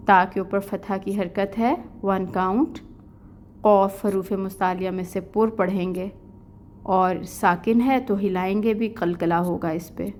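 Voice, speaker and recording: A woman's voice: mid-range voice, steady tone, darkish tone, slight background noise. A woman with a Pakistani Urdu accent teaching an online tajweed lesson, explaining rules step by step in plain speech. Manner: slow melodic recitation of verses, then plain explaining.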